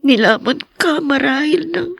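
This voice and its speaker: In a dubbed TV drama, an actress plays the lead, a young woman named Danny, grieving her late mother in a hospital room with soft, tearful whispers as she cries. Her voice sits high and is creaky, animated and exaggerated, at a measured pace. The recording is dry and studio quality.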